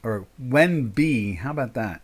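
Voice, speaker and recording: Animated and unhurried, this medium-pitched male voice belongs to a stream host and market trader in his sixties. He hails from the Pinelands of South Jersey, carries its accent, and muses aloud during a live trading chat, rambling with lots of fillers.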